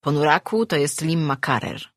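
A man's voice: fairly high pitch, animated, moderate pace, a bit bright, no echo, studio quality. A narrator voicing a sociable male tavern regular who talks eagerly in a storybook. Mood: jovial.

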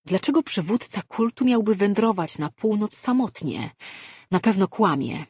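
A man's voice: high-pitched, lively intonation, normal speed, darkish tone, husky, no room sound, studio quality, voice pushed up, exaggerated voice. An audiobook narrator voicing a cautious male sorcerer who reasons aloud in a thoughtful way. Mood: doubtful.

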